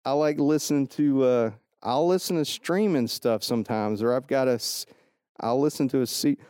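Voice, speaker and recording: A man's voice: mid-range voice, moderate pace, a little mellow, smooth, no room sound, clean studio sound. A man hosting a solo podcast, rambling goofily and joking at his own expense. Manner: self-mocking, goofy, rambling. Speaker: podcast host.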